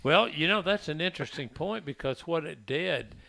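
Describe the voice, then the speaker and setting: A man's voice: on the high side, expressive, normal speed, creaky, bright, forceful tone. A man co-hosting a casual political discussion podcast, arguing his point with rhetorical questions. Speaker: podcast co-host.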